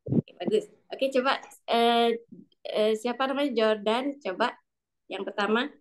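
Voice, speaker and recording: A woman leads a class with patient, unhurried instruction. She repeats each example carefully at a slow pace, her voice sitting fairly high. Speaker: language teacher.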